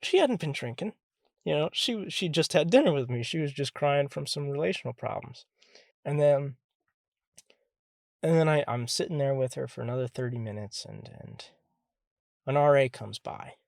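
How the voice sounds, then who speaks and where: A young man recounts his own story candidly, restarting and repeating words as he searches for them. His voice has a gravelly edge. The sound is close and dry. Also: on the high side, a little mellow, no room sound. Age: young adult. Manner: halting, stumbles and repeats words; candid and earnest. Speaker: interviewee recounting his college years. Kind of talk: personal storytelling.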